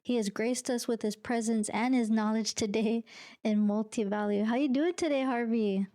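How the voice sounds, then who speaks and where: Mellow-voiced woman hosting a podcast. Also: fairly high pitch, steady tone, normal speed, dry recording, studio quality. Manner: friendly, upbeat, laughs often. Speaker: podcast host.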